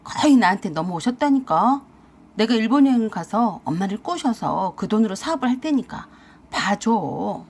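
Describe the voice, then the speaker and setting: A woman voicing a lazy, scheming husband who whines and pleads in a lowered voice. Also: very animated, normal speed, darkish tone, husky. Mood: whiny. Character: lazy, scheming husband, grown man, whiny and sly.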